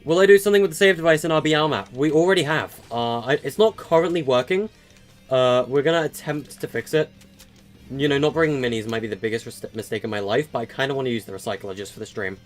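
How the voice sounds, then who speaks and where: At a quick pace and medium pitch, an eighteen-year-old man chats with viewers during a live game stream, with faint music behind him. His casual answers ramble, peppered with fillers and stutters.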